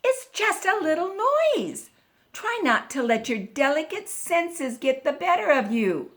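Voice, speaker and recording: A woman voicing a gentle, soothing mother in a children's story, calm and reassuring. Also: high-pitched, a little slow, voice pushed up.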